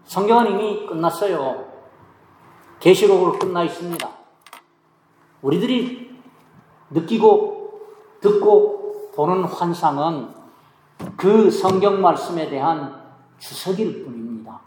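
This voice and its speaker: A male pastor with a notably high voice preaches a sermon, asking questions of his congregation and answering them himself. His volume swings from hushed to emphatic. The recording carries a long, roomy reverb, as if from a large hall. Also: expressive, slow pace, pauses often, a little hiss or hum. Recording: echoey hall.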